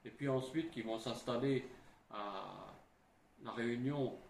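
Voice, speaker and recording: A middle-aged man, a historian, explaining in a halting way, full of restarts and little tag words. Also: medium pitch, creaky, a little hiss or hum. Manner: halting, frequent "hein" and restarts. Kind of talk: explanatory talk. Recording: roomy with faint ambience.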